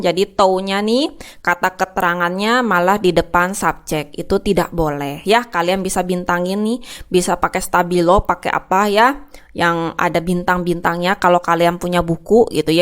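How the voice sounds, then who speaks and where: Smooth-voiced woman teaching grammar. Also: on the low side, a bit bright. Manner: explains patiently, reads example sentences slowly. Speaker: Mandarin teacher. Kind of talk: casual grammar lesson.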